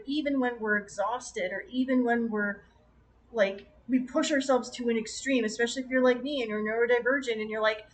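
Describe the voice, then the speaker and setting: A woman reads tarot cards on a casual livestream. Her voice sits a little high, and she talks in a chatty, rambling way full of asides. Her advice comes out gentle and encouraging. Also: slight background noise, low-quality recording. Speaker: tarot reader.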